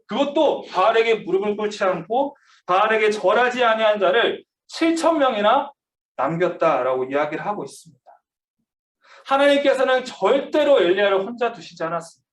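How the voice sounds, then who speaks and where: A man's voice: sits high, big pitch swings, fairly quick. A man preaching a youth sermon, telling the story vividly, asking the listeners questions and acting out the quotes. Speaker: youth pastor. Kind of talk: sermon to teens over video call. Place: church room. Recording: roomy, distant mic.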